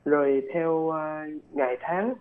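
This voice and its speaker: A man's voice: fairly high pitch, slow. A man explaining things in a casual chat, hesitant and repeating words. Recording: phone-like radio line.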